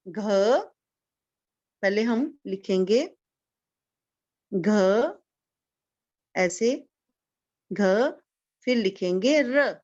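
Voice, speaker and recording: Slow, patient woman teaching little children. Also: a little high, muffled recording. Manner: slow, patient, repeats each word for children to echo. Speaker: kindergarten teacher. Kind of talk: online class lesson for young children.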